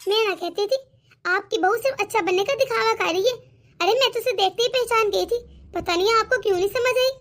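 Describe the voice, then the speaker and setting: A woman's voice: very high-pitched, brisk, a bit bright. A woman voicing a sulky meddling cartoon daughter. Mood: scheming. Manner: sulky, scolding, dramatic. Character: young married daughter, petulant and meddling. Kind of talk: animated cartoon voice acting.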